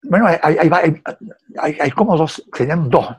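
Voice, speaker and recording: Husky Venezuelan man chatting films. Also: fairly high pitch, expressive, normal speed. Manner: hesitant, repeats words, storytelling. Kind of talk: casual film chat.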